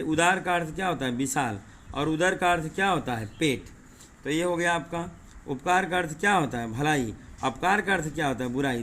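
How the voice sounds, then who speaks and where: A male teacher with a slightly high voice leads an exam-prep lesson. He explains paired words slowly, repeats them and keeps asking rhetorical questions to his viewers. A faint hum sits under the voice. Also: fairly bright tone. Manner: says 'dekhiye' and 'thik hai' often.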